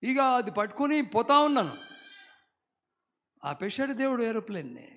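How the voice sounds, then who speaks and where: High-voiced old preacher in a reverberant hall. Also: male voice, big pitch swings, moderate pace. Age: 70s. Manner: emphatic preaching with sudden loud calls and English phrases. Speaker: pastor. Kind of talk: sermon.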